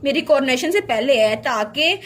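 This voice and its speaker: A woman's voice: high-pitched, lively intonation, normal speed, a bit bright, a little hiss or hum. A woman reading the lines of an earnest young princess heroine in a plain storytelling voice.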